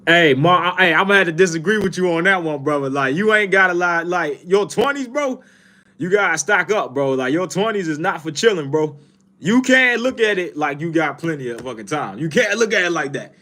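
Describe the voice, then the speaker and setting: A man's voice: on the high side, lively intonation, brisk, bright, forceful tone. A man, chatting casually on a livestream, reading viewer comments, swearing and repeating himself. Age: 20s. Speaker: fragrance livestream host.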